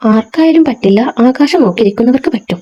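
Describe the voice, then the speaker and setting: A woman reading as a rich young man, protective and teasing, scolding lightly. The voice is mellow and breathy, pitched fairly high. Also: animated, quick pace, dull audio.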